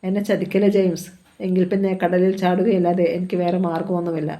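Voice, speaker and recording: A woman's voice: fairly low pitch, flat delivery, fast talker, dark tone, natural voice. A woman reading the lines of a lonely young wife who talks in a hesitant, pleading way.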